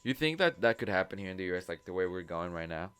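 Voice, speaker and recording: Deep-voiced young man, rambling and tipsy. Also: very animated, quick pace, a bit bright, clean tone. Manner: rambling, circles back with lots of fillers. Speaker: podcast co-host. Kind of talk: casual chat.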